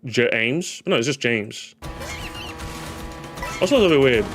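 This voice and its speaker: Young man, casual streamer, animated pitch, rambling jokes, music behind. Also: normal speed. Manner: rambling, joking, mock-outraged at chat. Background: music playing.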